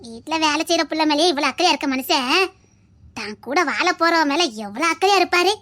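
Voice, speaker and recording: A woman's voice: sits high, lively intonation, fairly quick, a bit bright, pitched below the performer's own voice. A woman voicing a blunt, wise old village grandmother with a Tirunelveli accent, scolding and teasing her granddaughter in a one-voice audio drama. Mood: gossiping. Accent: Tirunelveli Tamil.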